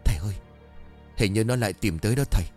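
A man's voice: lowish voice, soft background music, lightly acted. A man voicing a frightened middle-aged widowed father who pleads in a trembling voice. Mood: pleading, scared. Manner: trembling, pleading, quick to anger.

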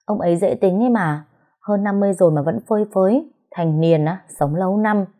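A woman voicing a young female friend who chats and teases quickly. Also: mid-range voice, dark tone, lightly acted. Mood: teasing. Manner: quick, teasing.

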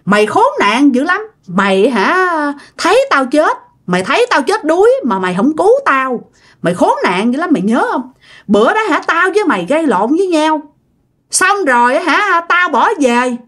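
A woman voicing the angry, drunken ghost of a man, cursing and accusing in a rapid, shouting rush. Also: high voice, big pitch swings, voice pushed up. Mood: furious.

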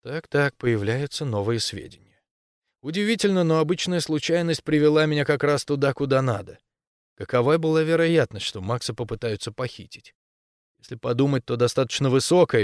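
A man narrating a first-person audiobook in a measured voice with wry, deadpan asides. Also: medium pitch, dry recording, clean studio sound.

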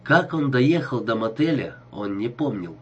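A man reads a novel aloud in an expressive storytelling voice. His tone is husky, and his pitch rises and falls widely. Steady audiobook narration. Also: normal speed, highs cut off.

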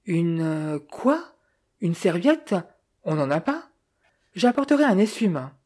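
A woman's voice: on the low side, very animated, unhurried, darkish tone. A woman voicing a blunt, puzzled male waiter at a desert diner in an audiobook.

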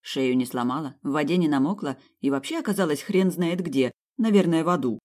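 Woman narrator, first-person comic fantasy audiobook, sarcastic and lively. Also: low voice, brisk.

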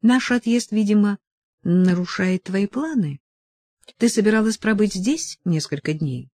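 A woman's voice: medium pitch, measured pace, warm tone, no room sound, pitched above the performer's own voice, lightly acted. A woman reading the lines of a grave, restrained aging nobleman in an audiobook, speaking earnestly.

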